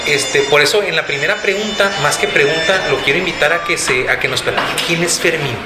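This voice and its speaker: A man's voice: on the high side, fairly quick, loud music behind the voice. A man interviewing a candidate in a café, speaking politely and formally, with some fillers. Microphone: handheld recorder. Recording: echoey room with loud café noise.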